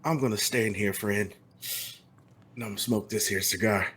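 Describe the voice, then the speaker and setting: A man voicing a menacing vampire biker who speaks in a slow, threatening drawl. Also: lowish voice, steady tone, a bit bright, breathy edge. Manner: slow drawl, calls people friend and son.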